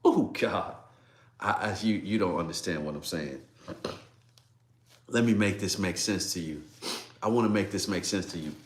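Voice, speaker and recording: A man's voice: sits low, normal speed, pauses often. A man preaching a devotional sermon, acting out scripture dialogue and breaking into emotional exclamations. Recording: roomy echo.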